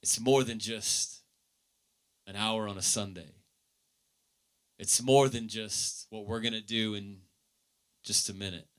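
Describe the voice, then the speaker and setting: A man preaching a sermon as pastor, earnest, with his voice swelling loud and then dropping low. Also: fairly even intonation, takes it slowly, long pauses.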